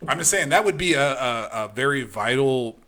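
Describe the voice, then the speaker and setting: A man's voice: medium pitch, animated, moderate pace, pushed and bright. A man co-hosting a podcast, giving frank, opinionated takes in casual chat with lots of restarts. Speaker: podcast co-host.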